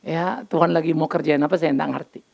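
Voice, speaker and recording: An older man, preaching a sermon as pastor, telling lively stories and acting out dialogue. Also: fairly high pitch, fairly quick, creaky, highs cut off. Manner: lively storytelling, acts out dialogue, mixes in English phrases. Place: church.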